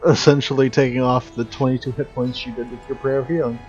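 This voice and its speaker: A man's voice: medium pitch, flat delivery, fast talker, darkish tone. Male game master, slightly muffled sound. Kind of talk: running a tabletop role-playing game. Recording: slightly dull sound, faint music behind.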